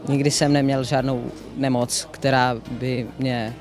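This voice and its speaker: A man's voice: medium pitch, flat delivery, darkish tone, soft background music. A teenage farm boy outdoors on a farm, plainly listing his daily chores in an interview. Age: teens. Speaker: farm family son. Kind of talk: interview answers.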